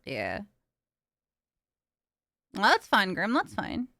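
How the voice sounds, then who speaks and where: A woman's voice: medium pitch, huge pitch swings, very slow, creaky, sharp tone, dry recording, studio quality. A woman streamer chatting casually with viewers, tired and in pain, talking frankly and swearing now and then.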